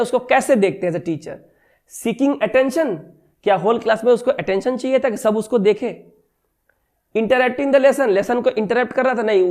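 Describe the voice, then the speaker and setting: High-voiced teacher explaining exam questions. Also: male voice. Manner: reads English questions slowly, then explains in Hindi. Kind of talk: exam-prep MCQ lesson.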